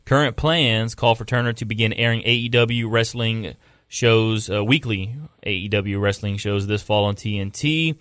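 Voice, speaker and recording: Chill dude hosting a podcast, reads an article out, trips on words, dead dry sound. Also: male voice, lowish voice, normal speed, fairly bright tone, smooth, no room sound. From Louisiana. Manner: laid-back, stumbles over the read text. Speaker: podcast host. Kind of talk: casual podcast chat, reading news aloud.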